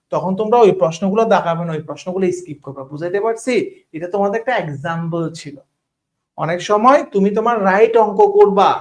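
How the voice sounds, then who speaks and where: A man tutoring math, talking casually, often checking if students understand and mixing in English words. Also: high voice. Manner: mixes English words into speech. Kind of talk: online class teaching.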